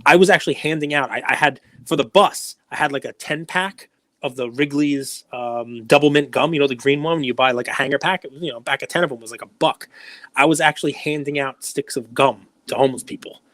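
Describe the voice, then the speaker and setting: A man, chatting on a podcast. He tells stories with animation and pokes fun at himself. His voice sits at a middle pitch and sounds close and dry, with no room behind it. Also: a little fast, no room sound. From United States. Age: 40s. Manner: animated storytelling, self-deprecating asides. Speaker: podcast host. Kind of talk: casual chat.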